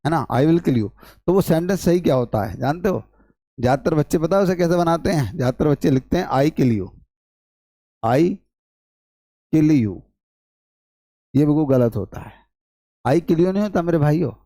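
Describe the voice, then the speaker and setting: A man with a Hindi accent gives an English grammar lesson in a lively classroom manner and keeps putting questions to his students. His voice sits somewhat high but sounds mellow, and the recording is dry and close. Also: no echo. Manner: explains step by step, quizzes the class with questions. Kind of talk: classroom lecture.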